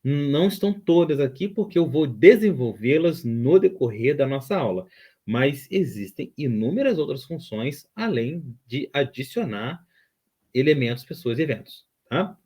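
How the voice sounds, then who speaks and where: A man's voice: medium pitch, animated, normal speed, dark tone, slightly rough. A man teaching a Hebrew grammar lesson, explaining patiently, repeating terms and checking in with the class.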